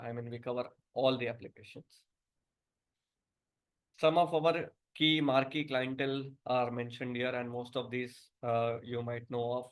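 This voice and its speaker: This is an Indian-accented man presenting to a business audience in his role as company director. He speaks in a mid-range voice, hesitating frequently and going back over the same words.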